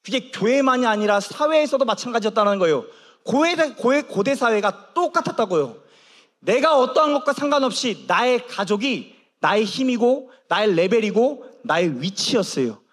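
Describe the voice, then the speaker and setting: A male pastor preaching a sermon in a church, telling stories with animated acted-out dialogue. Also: very high voice, moderate pace. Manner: animated storytelling, acts out quoted dialogue. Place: church sanctuary. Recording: long reverb of a church hall.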